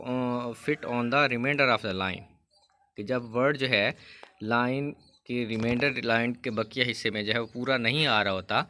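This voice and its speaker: Bright-voiced male teacher explaining grammar. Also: lowish voice, slight background noise. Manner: explains in Hindi-Urdu, reads English rules slowly, many fillers. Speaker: English teacher. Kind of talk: classroom grammar lesson.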